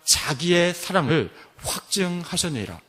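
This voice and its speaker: A man's voice: high-pitched, sing-song, a little slow, a bit bright. A man preaching a sermon as pastor, asking rhetorical questions and rising to emphatic peaks. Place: church sanctuary. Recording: long hall reverb.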